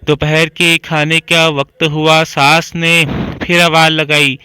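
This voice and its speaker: Brief: male storyteller, flat even delivery, crisp bright voice, dry close sound. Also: a little high, takes it slowly, no echo. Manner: steady, even reading. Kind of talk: scripted story narration.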